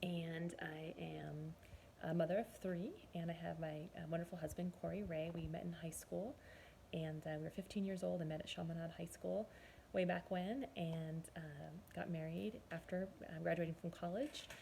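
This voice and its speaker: A woman in her forties speaks in a low, gravelly voice. She tells her own story as a nutrition and fitness coach, chatty and earnest, often pausing to recall. A faint hiss sits under her voice. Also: fairly even intonation, mellow. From Southern California, US. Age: 40s. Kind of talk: personal testimonial monologue.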